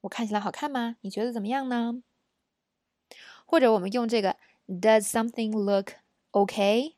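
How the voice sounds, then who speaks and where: A woman's voice: fairly high pitch, fairly even intonation, normal speed, a little mellow, no echo, clean studio sound. A woman teaching phrases in a patient, chatty way, with many fillers and asides to the learner when she says the examples. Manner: patient, conversational, with many fillers and tag questions. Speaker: English teacher. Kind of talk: explaining English phrases for shopping.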